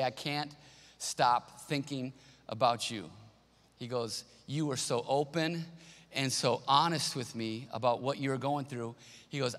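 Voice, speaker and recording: A man's voice: a little high, sharp tone. A male pastor preaching a sermon, telling a personal story in an earnest way, repeating his key phrases and acting out the people he quotes. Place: church auditorium. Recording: long hall reverb.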